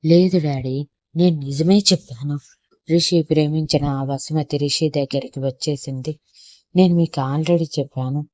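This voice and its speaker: An angry young mother voiced by a woman storyteller who scolds sharply in a level, flat voice. The sound is dry and close. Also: low voice, normal speed, dry recording, close to an everyday voice. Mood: insistent.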